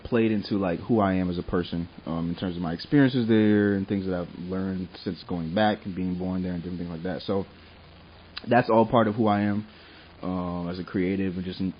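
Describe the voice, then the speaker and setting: A man's voice: low voice, highs cut off, slight background noise. A man from Liberia co-hosting a casual podcast chat, playful and full of fillers as he leads the agenda. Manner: playful, hypes others up, lots of fillers. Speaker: podcast co-host.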